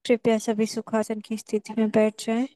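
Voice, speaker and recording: A woman leads a meditation using short, measured phrases, her mellow voice holding very flat in pitch. The recording is dry, with no room sound and no echo.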